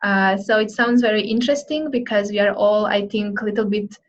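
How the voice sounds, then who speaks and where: A woman's voice: mid-range voice, fairly even intonation, a little fast, highs cut off. A woman hosting a casual interview, hesitant with many fillers. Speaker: host.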